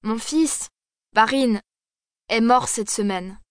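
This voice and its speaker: A woman voicing a grieving old male cab driver in a storybook, with a hoarse voice. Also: a little high, slow, no echo, studio quality.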